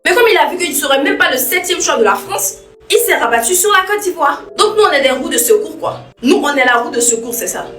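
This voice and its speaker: A woman's voice: high voice, animated, a little fast, fairly bright tone, faint music behind. A woman giving scripted commentary, firm and indignant, running through a list of names. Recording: roomy, distant mic.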